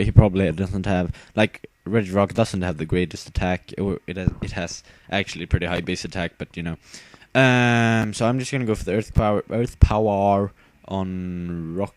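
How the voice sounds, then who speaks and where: With a fairly low, darkish voice and no room sound, a tired young man narrates his own battle in a game, casually rambling, using fillers, and laughing at himself.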